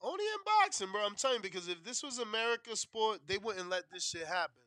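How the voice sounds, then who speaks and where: A man's voice: high voice, quick pace, bright, forceful tone, no echo. A man chatting casually on a livestream as host, with brash frat-bro slang, heavy swearing and an indignant, complaining manner. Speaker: livestream betting show host.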